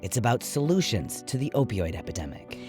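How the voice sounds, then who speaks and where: A man co-hosting a podcast, reading a scripted introduction in an earnest, measured way. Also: medium pitch, big pitch swings, darkish tone, faint music behind. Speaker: podcast co-host.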